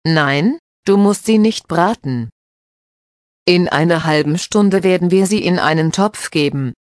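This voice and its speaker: Woman reads calm mother figure, slow and instructive, lowish voice. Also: dry recording, studio quality, close to an everyday voice. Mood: patient. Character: patient mother explaining cooking to her children.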